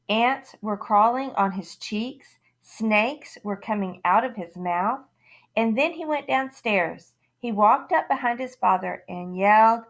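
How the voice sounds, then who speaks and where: A woman teacher reading a picture book aloud to her students, expressive with dramatic pauses and sudden shouts. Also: fairly high pitch, low-quality recording.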